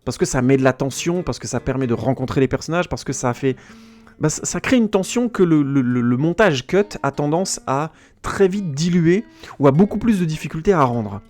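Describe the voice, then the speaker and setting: A man's voice: fairly high pitch, animated, moderate pace, a little mellow, faint music behind. A man hosting a podcast, giving a casual spoken film review, chatty and digressive, often stopping to search for a word. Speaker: film critic podcast host.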